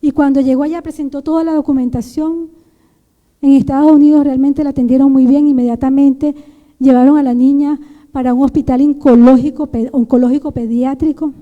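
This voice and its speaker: A woman's voice: high voice, fairly even intonation, brisk, long reverb tail, phone-quality sound. A woman giving an emotional testimony in a sermon, retelling the story with many restarts, in a church. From Venezuela. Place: church sanctuary.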